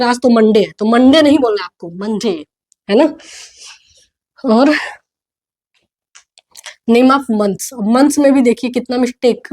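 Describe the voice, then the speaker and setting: A woman from India teaching an English pronunciation lesson, repeating each word slowly and coaxing the class to say it back. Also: fairly high pitch, darkish tone.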